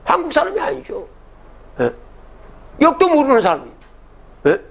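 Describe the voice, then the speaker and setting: A man's voice: very high-pitched, wildly swooping pitch, normal speed, gravelly, a bit bright. An older man giving a public lecture, reciting old verses and then explaining them, often asking the audience rhetorical questions.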